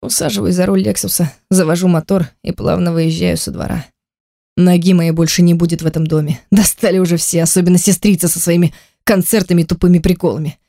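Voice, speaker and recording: An audiobook reader narrating in an even, measured first-person voice at a middle pitch. The sound is close and very dry, as from a treated booth. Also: creaky, no echo.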